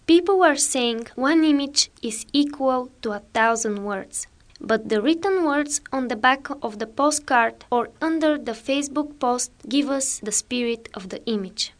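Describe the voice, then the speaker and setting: A woman's voice: sits high, fairly bright tone. A woman presenting a radio feature in careful, scripted narration.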